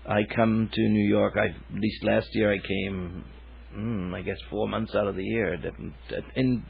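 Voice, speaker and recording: Older man, gravelly low voice. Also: fairly even intonation, normal speed. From Wales. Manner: rambling, hesitant storyteller with many fillers. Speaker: songwriter guest. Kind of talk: relaxed interview anecdotes. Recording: narrow phone-like radio sound.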